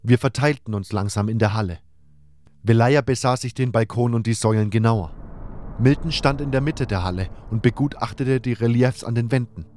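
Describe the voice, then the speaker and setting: A man's voice: mid-range voice, a little fast, a little mellow. A man reading a scripted first-person fantasy story as its narrator.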